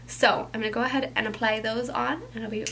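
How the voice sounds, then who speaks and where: A young woman with a higher voice walks through her makeup routine in a casual, gushing way, now and then sinking to a soft whisper. A faint hum sits under the recording. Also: steady tone, quick pace, gravelly. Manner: chatty and enthusiastic, drifts into soft whispers. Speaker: beauty vlogger.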